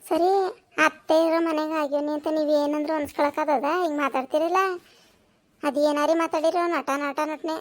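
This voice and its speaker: Woman doing a feisty village daughter-in-law, high voice, talks back, comedy skit. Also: level tone, moderate pace, close to an everyday voice. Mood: arguing. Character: defiant young daughter-in-law, quick to argue.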